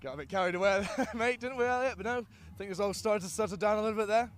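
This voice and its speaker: A young man doing chatty live rugby commentary from beside the pitch, laughing often as he talks. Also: fast talker.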